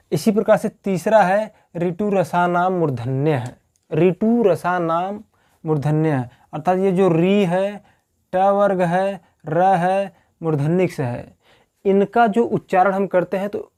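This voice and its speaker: A man's voice: sits high, a little mellow. Man teaching a blackboard grammar lesson. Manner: repeats key points with frequent "theek hai" checks; asks the class questions and answers them himself.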